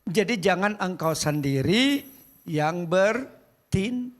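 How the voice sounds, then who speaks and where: A male pastor preaching a sermon at a church service, speaking in short emphatic bursts that repeat phrases and pause between words. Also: high voice, animated. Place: church service, live-streamed.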